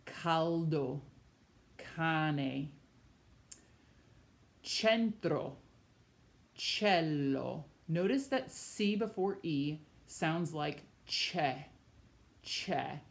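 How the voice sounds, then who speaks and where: A woman teaching a pronunciation lesson, saying example words slowly and clearly for learners to repeat. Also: sits low, a little mellow. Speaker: language teacher.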